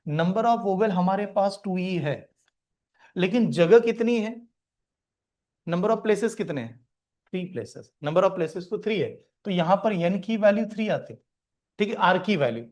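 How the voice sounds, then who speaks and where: A man with a high voice gives a math lesson. He asks his students questions, then answers them himself. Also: expressive, measured pace, a little mellow. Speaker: math teacher. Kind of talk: classroom lecture.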